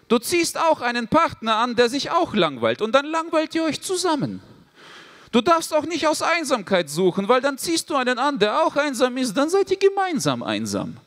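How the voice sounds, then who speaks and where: A man's voice: very high-pitched, fairly bright tone, heavily acted. A man doing a stern manly father. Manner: lecturing, solemn advice, hesitant fillers. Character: stern, proudly manly older father giving life advice.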